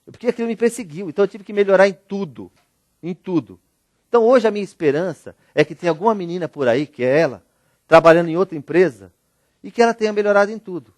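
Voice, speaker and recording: Middle-aged Brazilian man, motivational speaker on stage; lively, jokey storyteller, slightly high voice, dry close sound. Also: fast, no room sound. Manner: animated, jokey, addresses audience directly. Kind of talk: storytelling keynote talk.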